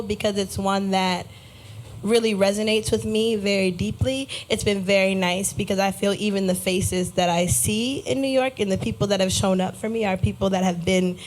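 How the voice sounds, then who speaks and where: Young woman, american, earnest and reflective, mid-pitched, live cafe talk. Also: slight background noise, low-quality recording. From United States. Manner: warm, earnest and reflective, with lively quoted voices. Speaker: guest musician. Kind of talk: casual live interview. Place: live cafe event before an audience.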